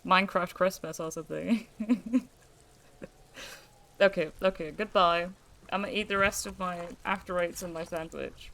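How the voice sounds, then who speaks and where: A young British woman streaming a game, chatting casually and reading out her character's lines, with plenty of pauses and fillers. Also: on the low side, steady tone, a bit bright. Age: young adult. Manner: chatty, reads player lines aloud, hesitant with fillers.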